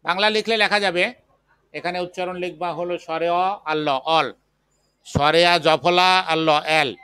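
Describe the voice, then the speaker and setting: A man teaching a chemistry class, slowly dictating the material. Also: high-pitched, steady tone, sharp tone, clean tone, dry recording. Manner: slow, patient dictation. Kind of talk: classroom lecture.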